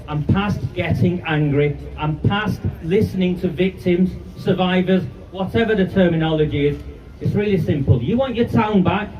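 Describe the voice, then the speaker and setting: A man in his fifties giving an angry, defiant speech at an outdoor street protest, filmed from a distance. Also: high-pitched. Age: 50s. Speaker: rally speaker. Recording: distant, muffled live-stream audio with loud noise.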